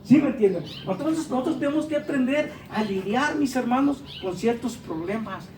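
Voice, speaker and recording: A preacher giving a sermon, speaking straight to the congregation and acting out small dialogues, swinging between loud and quiet. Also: medium pitch, lively intonation, moderate pace. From Mexico. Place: church hall. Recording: echoey church hall recorded from far off, with background noise.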